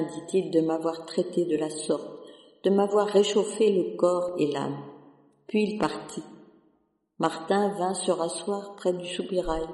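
Slow, mellow storybook narrator. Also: mid-range voice. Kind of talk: storybook reading. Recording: echoey room with long reverb.

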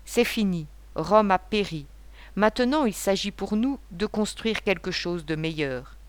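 A woman's voice: mid-range voice, expressive, unhurried, no room sound, close to an everyday voice. A woman reading the part of a grave, earnest young husband in an audiobook, in her own voice with a serious, pleading manner.

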